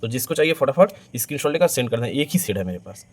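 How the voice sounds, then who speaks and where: Talking fast in a sing-song, medium-pitched voice with a darkish tone, an online coin seller hawks his stock to the camera in a teleshopping-style pitch that's eager and repetitive. Ambient sound fills the clearly noisy amateur recording.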